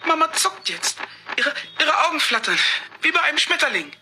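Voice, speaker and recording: A woman's voice: high voice, sing-song, normal speed, background noise. A woman voicing a frightened little girl. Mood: scared. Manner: timid, stammering.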